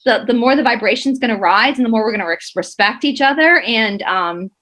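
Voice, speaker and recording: A woman with a Southern US accent hosting a casual interview, animated and quick to laugh, full of folksy y'alls. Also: a little high, poor audio. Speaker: interview host.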